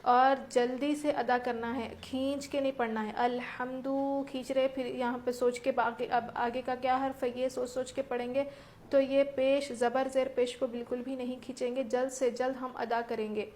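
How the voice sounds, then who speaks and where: A woman's voice: sits high, flat delivery, a little mellow, slight background noise. A woman teaching Quran recitation rules, explaining each point patiently step by step and asking her listeners rhetorical questions. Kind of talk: tajweed lesson with recited examples.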